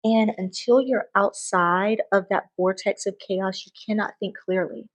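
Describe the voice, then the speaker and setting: Brief: lively woman guest in casual chat, tells stories with plenty of laughter. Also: mid-range voice, a little slow, poor audio. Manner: animated, laughs often, expressive storytelling. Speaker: guest, medical professional. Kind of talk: casual podcast conversation.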